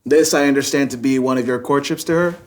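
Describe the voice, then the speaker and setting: An actor playing a domineering, scheming young gentleman suitor in arch, pompous Restoration-comedy style. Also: medium pitch, quick pace, natural voice. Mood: teasing, put out. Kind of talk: Restoration-comedy stage acting, arch period dialogue.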